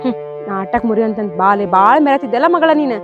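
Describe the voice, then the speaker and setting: A woman's voice: on the high side, lively intonation, fairly quick, dull audio, music in the background. A woman with a North Karnataka accent acting a complaining young wife in a village comedy skit, whining and then plotting in asides. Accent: North Karnataka Kannada.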